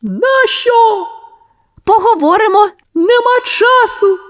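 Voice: a little slow, no echo, studio quality, heavily acted. Sonya, a clever little dog. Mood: excited. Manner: squeaky, excited exclamations. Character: small clever female dog, cheerful and naive. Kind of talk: storybook reading.

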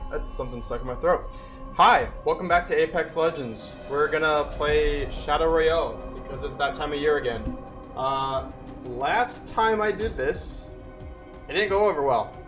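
A man's voice: fairly high pitch, measured pace, a bit bright, soft background music. A man hosting his gaming channel, chatting casually and rambling as he introduces a match. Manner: rambling, self-correcting. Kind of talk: casual gameplay commentary.

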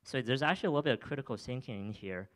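A young startup founder speaks in a rapid-fire, animated, medium-pitched voice while giving a live demo on a theater stage through a handheld mic. Filler-laden and restarting often, he stays enthusiastic, then moves into audience Q&A.

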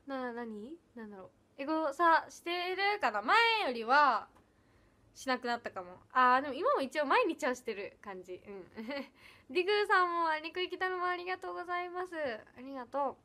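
Bright high-voiced young woman streamer. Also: lively intonation, normal speed. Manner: giggly, chatty, thanks viewers often. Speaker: idol livestreamer. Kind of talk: casual livestream chat reading comments.

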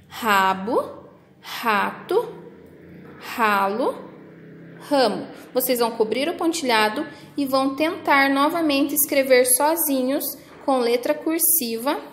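A woman with a Brazilian Portuguese accent, a preschool teacher patiently walking young children through workbook activities in a slow, sing-song way. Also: high voice, echoey room, a little hiss or hum.

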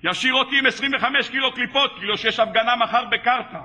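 A man voicing an angry older man who was cheated at the market and yells insults at the seller. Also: extremely high pitch, in a large hall, heavily acted. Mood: frantic. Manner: furious, yelling insults.

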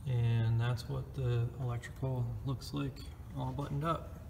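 A man's voice: medium pitch, level tone, measured pace, creaky, noisy background. A man casually narrating a do-it-yourself gas heater install, explaining each step in a plain, matter-of-fact way on a handheld camera. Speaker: DIY vlogger. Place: pole barn, roof and crawl space.

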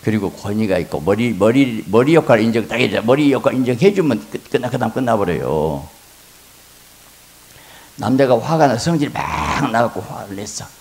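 A middle-aged male pastor preaching at a revival meeting. He is animated and acts out the voices of wives and husbands, swinging between hushed asides and loud exclamations. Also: medium pitch, normal speed.

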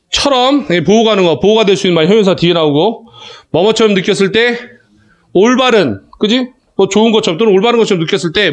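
A man teaching a class of students, talking in a casual, animated way, calling on students by name and checking they follow. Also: high-pitched. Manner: animated, calls students by name, asks "그지?" often. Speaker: academy English teacher. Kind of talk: classroom lecture.

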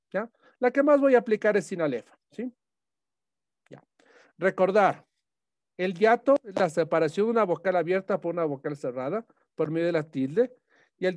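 A man with a fairly high voice teaches a class, laying out rules one step at a time. He keeps checking that students follow with short questions. The sound is dry and close, with little room to it. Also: darkish tone, dry recording. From Ecuador. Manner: explanatory, checking in with frequent "¿sí?". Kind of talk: classroom lesson on poetic meter.

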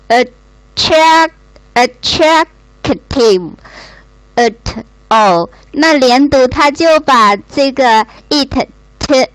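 A woman in a study group reading aloud carefully and explaining slowly over a voice call. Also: sits high, no room sound, rough recording.

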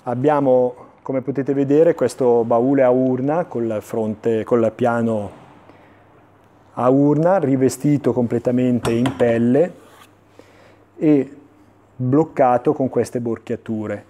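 Mellow-voiced man giving an infomercial presentation. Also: medium pitch, steady tone, slight background noise. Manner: explanatory, measured, with searching pauses and repetitions. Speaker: antiques dealer presenting items on a TV sales show. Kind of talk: infomercial sales presentation, unscripted. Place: indoor furniture showroom.

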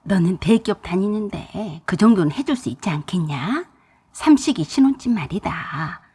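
A woman voicing a scheming, demanding older mother-in-law in a told story, speaking in a hushed, coaxing and scolding way. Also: mid-range voice, lively intonation, moderate pace, husky, pitched below the performer's own voice.

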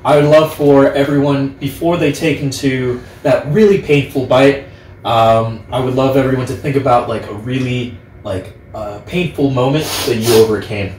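A young man in his twenties chatting casually as host, earnest and halting in the way he talks. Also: medium pitch, darkish tone. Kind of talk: casual group chat. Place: living room, on a couch. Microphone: distant camera microphone. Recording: roomy, distant camera mic, background noise.

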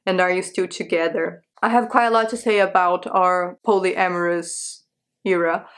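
A woman's voice: fairly low pitch, steady tone, normal speed, fairly bright tone. A young woman from Brazil, talking candidly to camera in a small bedroom, with frequent rhetorical questions. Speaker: vlogger. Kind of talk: casual talk to camera. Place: small bedroom with a sofa, indoors.

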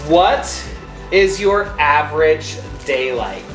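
A man's voice: fairly high pitch, animated, takes it slowly. A man running a family question-and-answer chat and coaxing answers with questions. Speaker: parent asking family Q&A questions. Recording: roomy room with music behind.

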